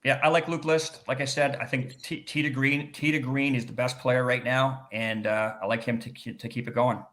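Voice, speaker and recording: A man's voice: medium pitch, flat delivery, normal speed, hardly any pauses, fairly bright tone. A man from Canada with a Canadian accent, a sports researcher chatting enthusiastically on a betting panel. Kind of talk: casual panel chat.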